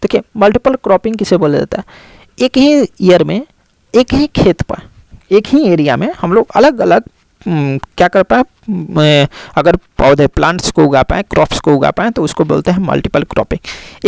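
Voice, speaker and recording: A man gives a classroom lecture, explaining step by step and repeating key terms amid many fillers. His voice sits high, sounding creaky and a little mellow, with no room sound.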